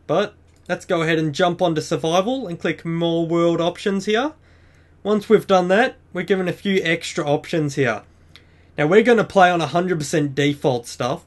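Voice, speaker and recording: A young man hosting a casual game tutorial as a voice-over, chatty and upbeat with self-mocking asides. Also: a little high.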